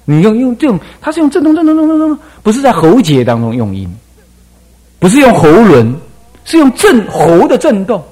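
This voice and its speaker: An older man from Taiwan gives a Buddhist teaching with the easy authority of an abbot. His voice is slightly husky and sits a bit high. It rises and falls widely as he slips into chanted and sung demonstrations. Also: a little fast. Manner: demonstrates singing and chanting, animated and playful. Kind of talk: Buddhist dharma lecture.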